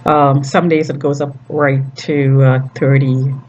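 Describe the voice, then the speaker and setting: Casting: unscripted diarist, slow and hesitant delivery with frequent ums, noisy room recording. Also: mid-range voice, flat delivery, darkish tone, dull audio. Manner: halting, with long pauses and frequent ums. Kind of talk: unscripted spoken video diary.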